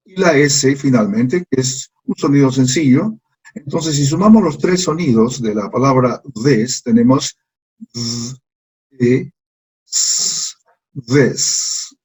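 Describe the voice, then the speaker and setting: Male language teacher, husky mid-pitched voice, patient and methodical. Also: expressive, darkish tone, poor audio. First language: Spanish. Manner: slow, patient, repeats sounds for learners to copy. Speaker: English teacher. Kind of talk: slide lesson.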